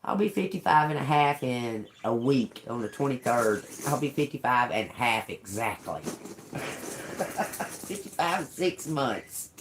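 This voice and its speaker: A woman's voice: extremely low pitch, lively intonation, measured pace, noisy background. A woman in her fifties doing a tarot reading for viewers in an emphatic, chatty way, calling them y'all. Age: 50s. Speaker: tarot reader.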